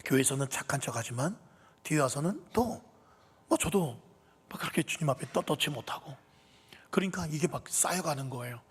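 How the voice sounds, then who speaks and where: A man's voice: fairly high pitch, lively intonation, a little fast, slightly rough. A pastor in his fifties giving a sermon with a personal testimony, telling it with emotion that swells to impassioned peaks, recorded in a church sanctuary. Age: 50s. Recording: reverberant church hall.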